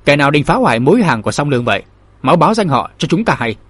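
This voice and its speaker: Man doing river bandit, brash, threatening, husky, dry. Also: on the high side, big pitch swings, very fast, a bit bright, dry recording, heavily acted.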